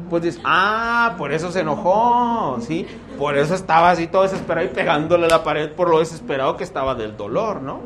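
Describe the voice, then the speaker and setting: A man with a Mexican accent teaching a youth Bible class, lively and constantly checking in with his listeners. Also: high-pitched, slight background noise. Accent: Mexican Spanish. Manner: animated, keeps asking "¿sí?" to check his listeners. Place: room with a live class.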